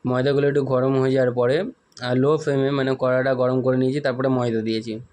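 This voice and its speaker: A man with a hoarse, husky voice chats casually as he shows viewers a home recipe step by step and keeps apologizing for steps he skipped. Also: mid-range voice, level tone, fast talker, a little mellow, slight background noise. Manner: chatty, rambling, often apologizes for skipped steps. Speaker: home cooking channel host. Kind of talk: casual cooking demonstration.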